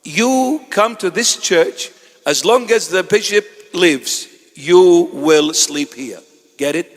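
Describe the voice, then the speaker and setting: A man preaching a sermon as a bishop, swinging from loud exclamations to hushed asides with wry humor. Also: high voice, slow. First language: Assyrian. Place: church. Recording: long church reverb.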